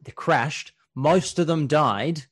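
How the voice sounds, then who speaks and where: A man co-hosting a podcast, telling a war story in casual chat, animated and laughing often, with casual swearing. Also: a little high, slow pace, slightly rough. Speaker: podcast co-host telling history stories.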